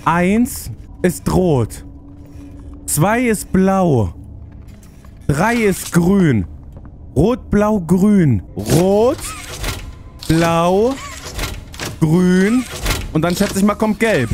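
A man's voice: sits high, animated, extremely slow, long pauses, darkish tone, slight background noise. A man doing let's play commentary, chatting himself through puzzles and easily spooked. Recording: voice over game music.

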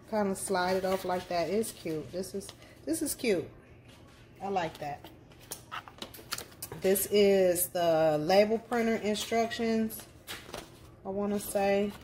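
Chatty upbeat woman, slow-paced. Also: mid-range voice, steady tone, dark tone, a little hiss or hum. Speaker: crafting channel host. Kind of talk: casual unboxing vlog.

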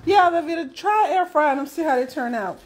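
A woman's voice: high-pitched, lively intonation, fairly quick. A woman co-hosting a home cooking stream from off camera, reading viewer comments aloud and teasing the cook. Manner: teasing, chatty. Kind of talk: casual live chat.

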